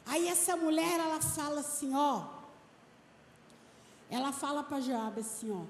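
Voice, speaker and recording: A woman pastor giving an emphatic sermon, stretching out key words slowly. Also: sits high, animated, slight background noise. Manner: emphatic preaching, slow and drawn-out stresses. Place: church. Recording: echoey hall with long reverb, faint ambience.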